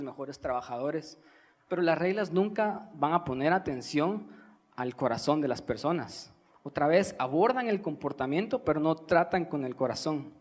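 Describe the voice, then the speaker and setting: Young man, earnest sermon, fairly high voice, reverberant church hall. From Guatemala. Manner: earnest, teaching, stresses single words with long pauses. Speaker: preacher.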